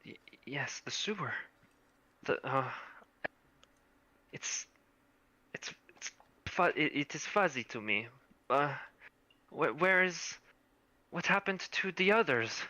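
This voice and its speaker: A man's voice: mid-range voice, takes it slowly, pauses often, bright, forceful tone, dry recording, dull audio. A man voicing a dazed young woman with a put-on Russian accent, who stammers and halts. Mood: confused. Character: dazed young woman, just rescued, timid.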